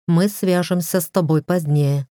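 A woman voicing a smooth, scheming male kidnapper in an audiobook, calm and persuasive. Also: fairly low pitch, a little slow, no room sound, studio quality, lightly acted.

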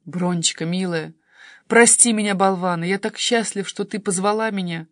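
A woman's voice: medium pitch, normal speed, no room sound, clean studio sound, lightly acted. Woman voicing a loving anxious young man. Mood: tender pleading. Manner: tender, pleading, earnest. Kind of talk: audiobook character voicing.

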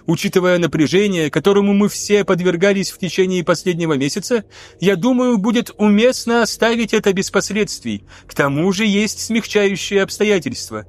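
Man doing a dry authoritative lady commissar, higher voice, calm and measured. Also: lightly acted. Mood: cool. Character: stern cool-headed female commissar.

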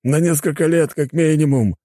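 A man's voice: on the high side, moderate pace, warm tone, no echo, studio quality, pitched above the performer's own voice, lightly acted. A man voicing a weary, grumbling police inspector about to retire. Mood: exasperated. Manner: grumbling, exasperated.

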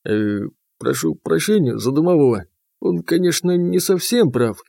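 A man's voice: fairly high pitch, expressive, a little slow, vocal fry, dark tone, no room sound, heavily acted. A man voicing an eager, earnest bathhouse spirit in an audiobook. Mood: wistful. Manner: earnest, enthusiastic, pleading.

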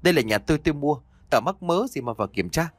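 A man doing a panicky, sharp-tongued woman. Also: fairly high pitch, expressive, no echo, voice pushed up. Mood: defiant. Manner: panicky, fast and defiant. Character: frightened stubborn middle-aged woman, sharp-tongued.

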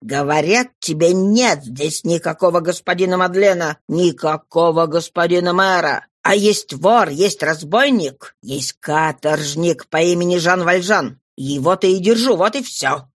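A woman's voice: on the low side, unhurried, few pauses, no echo, clean studio sound, voice pushed down. A woman doing a scornful barking police inspector. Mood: scornful, commanding. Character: harsh mocking male police inspector.

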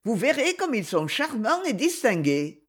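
A woman voicing a gentle, firm governess. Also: a little high, very animated, unhurried, breathy edge, pitched above the performer's own voice, heavily acted. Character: kind middle-aged female governess.

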